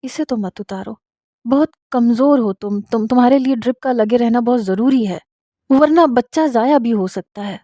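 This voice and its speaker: A gentle older mother-in-law in a tearful audio story, as a woman narrator puts her on. She coaxes in a quiet, mellow voice, soft and close to the mic in a dry room. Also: a little high, no room sound, lightly acted. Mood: soothing.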